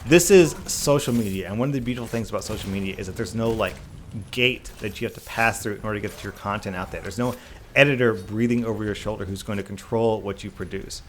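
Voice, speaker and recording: Quick-paced and fairly low in pitch, a YouTube gaming creator talks casually and earnestly through a Q&A vlog, reading questions and answering them. He repeats emphatic phrases to stress his points, and there's a little hiss or hum.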